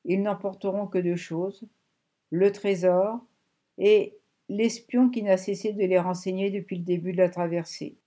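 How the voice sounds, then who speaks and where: Scheming old German ex-soldier, read by a woman, urgent and loud, mellow dark tone. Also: medium pitch, steady tone, measured pace, natural voice. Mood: grim. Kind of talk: audiobook reading.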